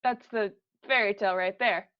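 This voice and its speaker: A woman's voice: mid-range voice, normal speed, close to an everyday voice. Woman as an offhand fairy tale narrator, dull audio. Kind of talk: comic storytelling on stage.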